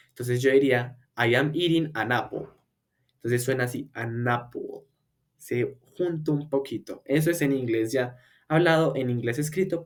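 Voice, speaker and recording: Patient man teaching a beginner class. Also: mid-range voice. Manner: patient, explains step by step with repeated examples; slows down to model English words for repetition. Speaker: English teacher. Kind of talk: beginner language lesson.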